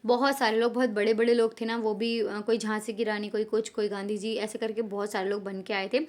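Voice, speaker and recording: A woman's voice: medium pitch, little pitch movement, fairly quick, darkish tone. A woman in her thirties vlogging in a chatty, casual way, mixing English words into her Hindi. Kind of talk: casual chat to camera.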